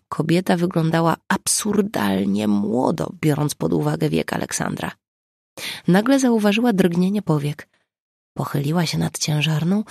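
An audiobook narrator reading a novel in measured, even scripted narration. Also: medium pitch, creaky, dry recording, studio quality.

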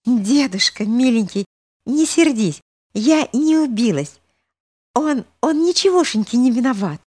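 Woman voicing a high, excitable young girl. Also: measured pace, slightly rough, exaggerated voice. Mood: pleading. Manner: breathless, pleading, high-spirited.

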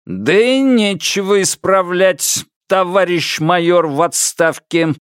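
A lazy, mocking young man, as a male narrator plays him in an audiobook. He drawls slowly in a slightly raised, lively voice, sneering at whoever he talks to. The sound is close and dry. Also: on the high side, no room sound, voice pushed up. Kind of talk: audiobook character voice.

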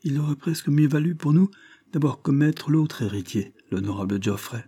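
A man's voice: fairly high pitch, expressive, moderate pace, mellow, breathy edge, pitched above the performer's own voice. A man voicing a fretful male country lawyer in an audiobook, exclamatory in tone.

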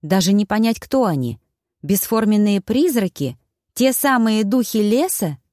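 A woman telling a fantasy story in the first person as an audiobook narrator, with lively, expressive delivery. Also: mid-range voice, a little slow, no echo, clean studio sound.

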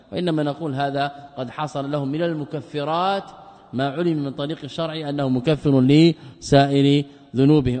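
A man's voice: a little high, darkish tone. Man teaching a religious text in a reverberant hall. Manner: reads quoted passages then explains them, repeating key phrases. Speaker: Islamic scholar teaching a text. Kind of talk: recorded religious lesson, explaining a text line by line.

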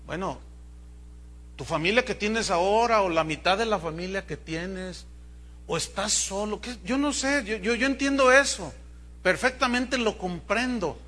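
A Mexican pastor preaches with a high, bright voice that carries. He is animated and slips into other people's voices with humor as he goes. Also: a little slow. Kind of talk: sermon.

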